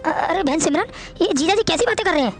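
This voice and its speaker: A woman's voice: very high voice, animated, fast talker, soft background music. A woman playing a young man from a poor family in a family drama, pleading with his in-laws. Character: young man, poor brother, touchy but meek. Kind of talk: Hindi family drama acting.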